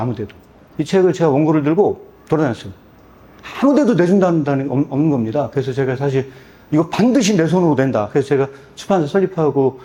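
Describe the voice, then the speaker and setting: 솔직하게 이야기하는 굵고 어두운 목소리의 남자. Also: male voice, on the high side, mellow. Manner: candid, storytelling with self-deprecating humor. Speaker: book translator and publisher. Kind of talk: personal testimony at a book talk. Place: church hall.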